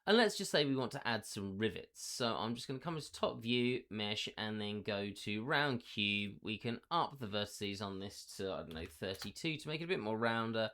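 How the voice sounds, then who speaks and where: A man giving a casual, self-deprecating software tutorial, sounding boxed in, as if recorded inside a small echoey box room. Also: fairly low pitch, lively intonation, normal speed, hardly any pauses. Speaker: tutorial host. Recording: boxy echo of a box room.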